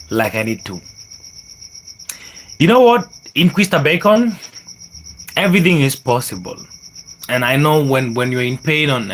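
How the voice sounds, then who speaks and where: A man's voice: mid-range voice, a bit bright, slight background noise. A man with a Kenyan accent hosting a casual livestream, chatting upbeat with viewers and reading their messages, often laughing and stretching words for emphasis. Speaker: livestream host.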